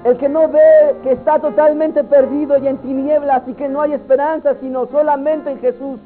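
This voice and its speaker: Male preacher, very high voice, urgent altar-call sermon, hushed to shouting, tinny lo-fi sound with soft music behind. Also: level tone, moderate pace. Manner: swings from hushed pleading to loud impassioned cries.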